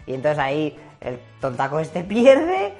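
A woman's voice: deep voice, wildly swooping pitch, unhurried, mellow, soft background music. A Spanish woman from Spain telling history in a playful, slangy comic style, dropping in English catchphrases. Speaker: history vlogger.

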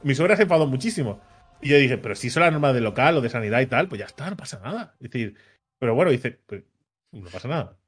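A man's voice: mid-range voice, quick pace, slightly rough, faint music behind. A man from Catalonia, telling a story in casual chat and acting out the dialogue with many asides. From Catalonia, Spain. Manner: animated anecdote-teller, acts out dialogue, laughs often, many filler "¿vale?".

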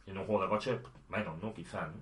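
A man's voice: low voice, fast. A man chatting casually about video games, thinking aloud and restarting his sentences.

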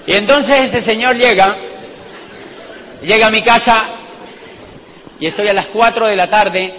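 A man with a Colombian accent giving a motivational business talk, telling stories with animated repetition and self-mocking jokes. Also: sits high, a little slow. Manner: animated, repeats phrases for emphasis, jokes about himself. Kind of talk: storytelling talk to a live audience. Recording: reverberant hall with faint background noise.

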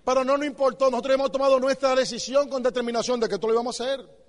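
A man gives an emphatic motivational talk in a very high voice. He talks fast and keeps throwing rhetorical questions at the listener. His voice carries a long reverb from a large hall. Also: level tone. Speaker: motivational speaker.

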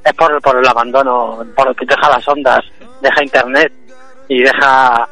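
A man, a guest on a comic radio show, talking in halting, repeated phrases and laughing through a mock lament. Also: medium pitch, fairly even intonation, bright, forceful tone, no echo, faint music behind, rough recording. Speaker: phone-in guest.

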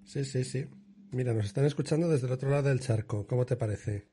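A man's voice: mid-range voice, fairly quick, dark tone, a little hiss or hum. A man from Spain co-hosting a podcast, patiently correcting his partner in a matter-of-fact way. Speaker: podcast co-host. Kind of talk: casual banter.

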